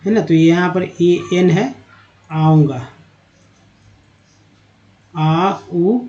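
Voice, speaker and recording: A man, teaching in a slow lesson and reading word lists aloud syllable by syllable. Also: high-pitched, mellow, highs cut off. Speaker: English teacher.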